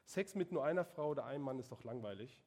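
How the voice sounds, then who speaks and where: A man's voice: mid-range voice, animated, fast, dark tone. A man voicing a male devil who taunts and belittles the listener in a sermon. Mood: tempting.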